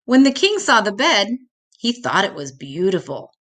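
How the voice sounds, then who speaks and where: Here an older woman at a medium pitch reads a picture book to young listeners. Her delivery is measured and expressive, elongating the main words.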